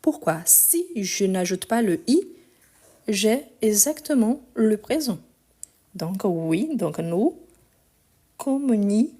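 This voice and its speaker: A French teacher with a medium-pitched, mellow, slightly rough voice teaches grammar live online at a slow, sing-song pace. She spells endings letter by letter and explains patiently step by step, her voice a bit weak through the phone.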